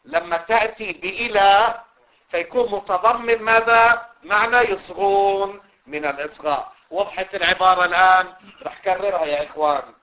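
Male teacher, slightly higher voice, repetitive explaining style, dull lo-fi recording. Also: normal speed. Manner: repeats points and checks understanding. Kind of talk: classical text lesson.

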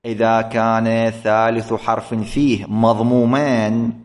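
A man teaching an Arabic grammar lesson, speaking slowly and deliberately and repeating key points. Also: on the low side, flat delivery, darkish tone. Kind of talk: classroom lesson on verb forms.

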